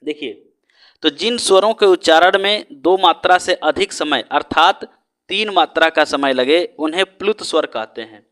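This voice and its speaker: Male teacher, high and bright, asks a question and answers it himself, keeps checking in with the class. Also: moderate pace. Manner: stretches out the sounds he teaches. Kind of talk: exam-prep lesson.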